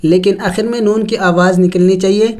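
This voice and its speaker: A Quran tajweed teacher giving a step-by-step recitation lesson. They spell out syllables slowly, then explain each rule at a brisk pace. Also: mid-range voice, steady tone, warm tone.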